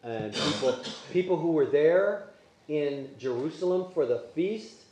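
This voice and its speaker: Speaking a little slowly with lively intonation, a man with a fairly high, mellow voice teaches a Sunday school Bible class in a church classroom. Polish is his first language, and he chats with the class, asking them questions along the way, while the room echoes.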